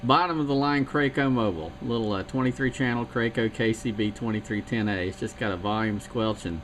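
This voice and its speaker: Over a noisy CB radio, a South Carolina man with a fairly low voice checks in on the net. He talks briskly, rambling in a chatty, casual way and laughing at himself.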